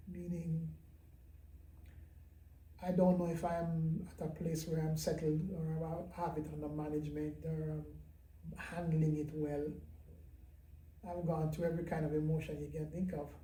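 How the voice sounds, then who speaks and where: A man, a pastor and gospel singer, talking in an interview in a reflective, halting and candid way. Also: on the high side, level tone, mellow. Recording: roomy sound from a distant mic.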